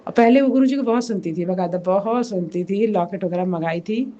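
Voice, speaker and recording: A hoarse woman giving an emotional personal testimony, speaking slowly and softly in a pleading way. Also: mid-range voice, lo-fi sound. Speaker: devotee sharing a testimony.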